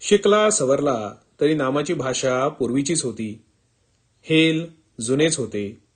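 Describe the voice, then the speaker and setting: A man reading a literary story in the first person, with calm, measured narration. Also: mid-range voice.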